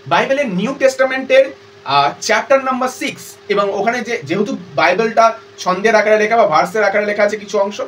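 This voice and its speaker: A man with a Bengali accent teaches a class. He has a high, light voice and reads lines of a play aloud before explaining them. He sits a little back from the mic, with faint noise behind him. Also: a little fast, fairly bright tone, recorded from a distance, low-quality recording. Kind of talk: lecture explaining an English play.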